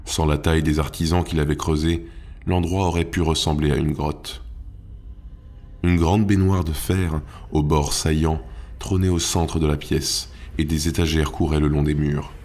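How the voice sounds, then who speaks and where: Very deep-voiced male narrator. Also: flat delivery, normal speed, a little mellow. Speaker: audiobook narrator. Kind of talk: scripted audiobook narration.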